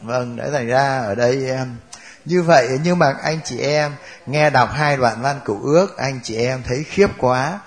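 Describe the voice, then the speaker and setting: A man's voice: mid-range voice, measured pace. A man teaching a Bible class, joking and laughing with his students.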